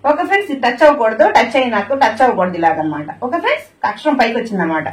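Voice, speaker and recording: A woman's voice: a little high, big pitch swings, rapid-fire, reverberant. A woman teaching Hindi letters to her viewers, who keeps calling them friends and keeps pointing them to what she writes. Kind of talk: lesson in Telugu.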